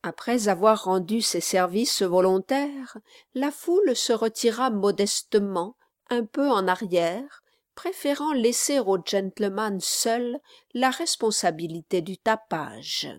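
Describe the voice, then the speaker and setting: A woman narrating a classic novel as an audiobook, with measured, even storytelling. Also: mid-range voice, no echo, studio quality.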